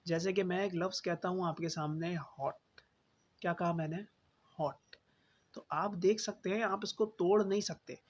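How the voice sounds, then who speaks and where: High-voiced man teaching, asking and answering himself. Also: steady tone, a little fast, few pauses. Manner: asks and answers his own questions; repeats key words for emphasis. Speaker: English teacher. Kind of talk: online pronunciation lesson. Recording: slightly dull, faint background hiss.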